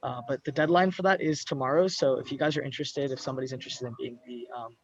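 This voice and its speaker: A man's voice: medium pitch, fairly even intonation, fast, slightly rough, no room sound. A man running a student club's video call, announcing upcoming events in a loose, casual way with many ums and uhs. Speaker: student club officer hosting a meeting. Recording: muffled video-call audio.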